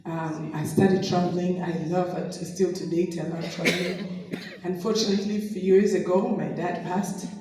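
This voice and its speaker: A woman's voice: fairly low pitch, steady tone, moderate pace, darkish tone. A middle-aged woman from Tanzania, giving an anecdotal personal testimony as a guest speaker and laughing often. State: recovering from a sore throat. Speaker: guest speaker, business distributor. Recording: echoey hall from far off.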